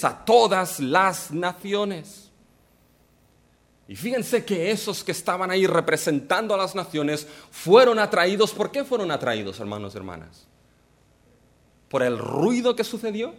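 Animated male preacher, lively pitch. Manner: animated preaching with asides and rhetorical questions. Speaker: pastor. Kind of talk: sermon.

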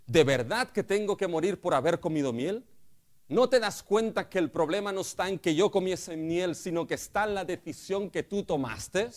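A man's voice: sits high, normal speed, voice pushed up, natural voice. A man voicing a young son who pleads with his father in a string of urgent, repeated questions. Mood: pleading.

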